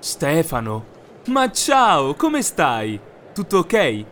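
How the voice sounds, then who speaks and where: A man's voice: a little high, extremely slow, full character voice. An actor playing a friendly man who is surprised to run into a friend, in a scripted language-lesson dialogue. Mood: surprised, cheerful. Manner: cheerful, lively casual greeting.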